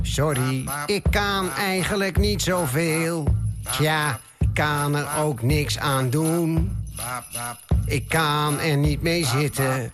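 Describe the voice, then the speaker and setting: A man voicing a dim, self-mocking talking sheep in a comic radio sketch, droning and deadpan. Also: a little high.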